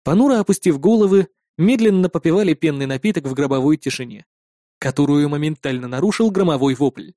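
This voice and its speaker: A man with a high but mellow voice reads a first-person fantasy adventure with a wry, ironic edge. The recording is dry and close, with no room sound. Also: animated, fairly quick, no echo. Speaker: audiobook narrator.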